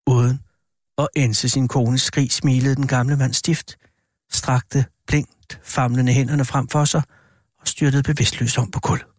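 Male narrator, audiobook, measured, deliberate, dry recording. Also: medium pitch, little pitch movement, no echo. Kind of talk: audiobook reading of a horror tale.

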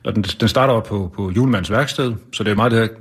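A male author talking about his Christmas story in an interview, speaking haltingly with many fillers and restarts. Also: fairly low pitch, slightly rough. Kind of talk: casual interview talk and reading aloud.

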